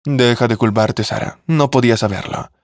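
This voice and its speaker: A man's voice: mid-range voice, moderate pace, dry recording, clean studio sound, natural voice. A man voicing a young man who awkwardly tries to comfort a grieving widow. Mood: consoling. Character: young man consoling his stepmother, awkward.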